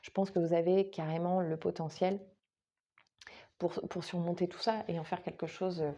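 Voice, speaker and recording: Woman doing a chatty tarot reading, kinda low warm voice, lots of um's, talking right to her viewers. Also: level tone, moderate pace. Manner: chatty, addresses viewers directly, frequent hesitations. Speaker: tarot reader. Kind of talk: casual monthly tarot reading to camera.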